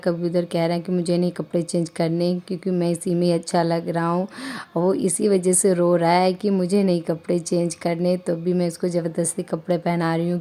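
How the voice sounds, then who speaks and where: A young mother from India talks through her daily chores in a calm, even voice-over. Her tone is mellow and low, with little rise and fall. She explains each step steadily and circles back to the same points. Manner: steady, explanatory, repeats herself often. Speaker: vlogger mother. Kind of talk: calm voice-over narration of a home routine.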